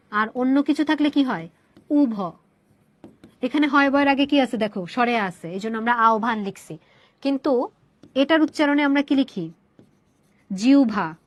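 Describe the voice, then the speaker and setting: Young female teacher, high-pitched, dry close mic; rhetorical questions, English words sprinkled in. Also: no room sound. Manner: asks questions and answers them herself; mixes English words into her explanation. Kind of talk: online class explaining a poem.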